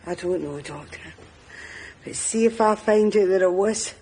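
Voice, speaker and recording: An actress with a Glaswegian accent playing a foul-mouthed, insulting wife in a TV sitcom. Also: female voice, mid-range voice, normal speed, darkish tone, husky, lightly acted. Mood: venomous. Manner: venomous, insulting. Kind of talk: TV sitcom acting.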